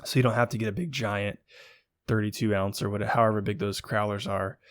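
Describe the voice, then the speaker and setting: A man's voice: fairly low pitch, steady tone, fast talker, no room sound, clean studio sound. A young man, co-hosting a casual beer-review podcast and rambling through his notes with plenty of ums. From Virginia, USA. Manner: rambling, chatty, lots of ums and likes. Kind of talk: casual chat.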